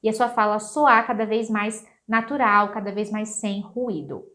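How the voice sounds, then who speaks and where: A young Brazilian woman with a Brazilian Portuguese accent, teaching an English lesson in an upbeat way and repeating phrases slowly. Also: medium pitch, pushed and bright.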